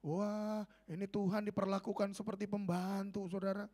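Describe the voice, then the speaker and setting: Pastor guy, kinda high and a bit raspy, preaching all lively and jokey. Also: normal speed. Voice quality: slightly raspy voice. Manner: animated, joking, swings between loud and soft. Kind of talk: sermon.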